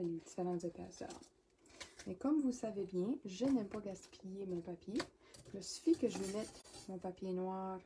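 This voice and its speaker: A woman with a Québécois accent demonstrates card making at her craft desk, chatting and thinking aloud as she works and sometimes dropping to a soft murmur. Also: lowish voice. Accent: Québécois French. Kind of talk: casual crafting tutorial. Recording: noisy with crafting clicks.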